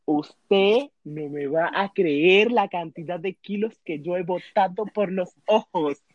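A man's voice: high voice, takes it slowly, dry recording, muffled recording. A man co-hosting a podcast, giving comic mock advice in a theatrical, mocking way and acting out other people's voices. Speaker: podcast co-host.

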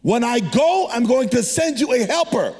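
A preacher gives an energetic sermon to a live congregation, his high voice ringing through a large hall with long reverb. Exhortative yet conversational, he addresses listeners directly and prompts them with questions, speaking expressively at a moderate pace with a slightly mellow tone.

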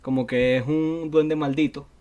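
A young man with a Venezuelan Spanish accent, co-hosting a casual podcast chat, emphatic and full of quick interjections. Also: fairly high pitch, steady tone, warm tone. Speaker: podcast co-host.

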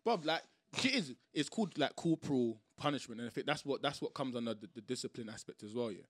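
A man's voice: mid-range voice, animated, fast talker, fairly bright tone, no room sound. A young man with a London roadman accent, telling stories in a slangy, emphatic, sweary way in a casual group chat. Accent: London roadman, Multicultural London English.

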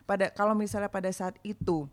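A woman's voice: medium pitch, little pitch movement, brisk. A woman performer chatting casually, telling candid stories with slang and fillers. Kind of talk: casual podcast chat.

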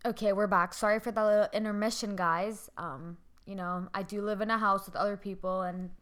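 A woman's voice: medium pitch, steady tone, a little fast, fairly bright tone. A woman hosting a casual solo podcast from home, rambling with many fillers and restarts. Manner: rambling, filler-heavy, lots of "like". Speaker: podcast host. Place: home with family nearby.

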